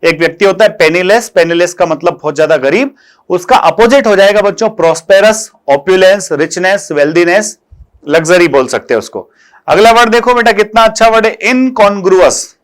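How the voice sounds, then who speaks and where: A man's voice: high-pitched, expressive, brisk. A man teaching English vocabulary in Hindi in an online exam-prep lesson, calling his students "beta" and posing questions he answers himself. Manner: addresses students fondly as "beta" and "bachche", asks and answers his own questions.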